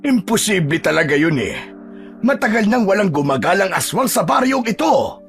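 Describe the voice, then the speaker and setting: Casting: man playing a gruff village chief in a radio horror story, gravelly, swooping speech, faint music behind. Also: high-pitched, very animated, normal speed, pitched above the performer's own voice. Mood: skeptical. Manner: brusque, questioning, cautioning. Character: gruff middle-aged village chief, skeptical but cautious.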